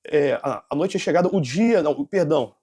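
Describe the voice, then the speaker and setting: Brief: nervous man, high husky voice, rushed testimony with restarts. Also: lively intonation, warm tone. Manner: rambling, with restarts and self-corrections. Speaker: interview guest giving a testimony. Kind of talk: personal testimony storytelling.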